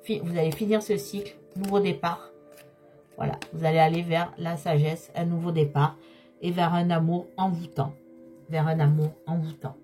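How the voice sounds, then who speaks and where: A slightly hoarse woman giving a tarot reading, speaking straight to her viewers and repeating key phrases for emphasis. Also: sits low, mellow. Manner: repetitive, emphatic, addresses viewers directly. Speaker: tarot card reader.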